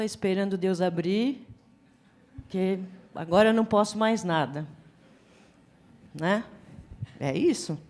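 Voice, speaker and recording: A woman lecturing on psychology at a forum. Her delivery is conversational and animated, and she acts out little scenes in the middle of her points. Her voice sits at an ordinary middle pitch. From Brazil. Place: lecture hall.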